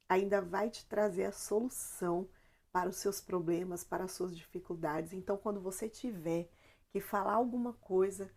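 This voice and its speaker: Hoarse Brazilian woman, swollen-throat creaky voice. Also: medium pitch, darkish tone. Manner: earnest, explanatory, addresses listeners directly. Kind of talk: informal devotional talk to camera with scripture reading.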